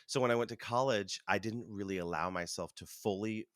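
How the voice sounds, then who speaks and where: A man in his thirties, a Broadway performer talking as an interview guest, telling animated stories and chewing food as he talks. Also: lowish voice, a little fast, no echo, clean studio sound. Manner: animated storytelling, acts out voices, chuckles. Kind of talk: casual conversational interview.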